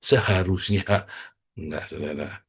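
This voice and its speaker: Gravelly low-voiced male preacher. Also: measured pace. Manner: blunt, joking, provocative preaching; addresses listeners as brothers and sisters. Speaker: pastor. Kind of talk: sermon.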